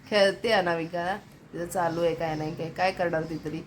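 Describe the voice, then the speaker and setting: A woman's voice: lowish voice, fairly even intonation, measured pace, slight background noise. A young woman filming a casual family vlog at home on a phone, chatting to viewers and pointing things out as she goes. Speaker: family vlogger. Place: small home indoors.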